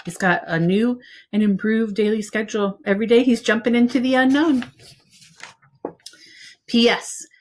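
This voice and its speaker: In a fairly high voice, a woman reads a picture book at a moderate pace and pauses often, much like a preschool teacher. She's expressive, speaking to young listeners directly with casual asides.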